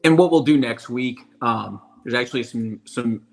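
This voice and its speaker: A man's voice: mid-range voice, moderate pace, gravelly. A man co-hosting a live golf show, blunt and joking, swearing offhand. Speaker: co-host. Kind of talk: casual live show chat.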